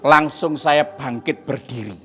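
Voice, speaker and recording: A man giving a testimony sermon as a pastor in a church service, dramatic, swinging from hushed to shouting. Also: mid-range voice, measured pace.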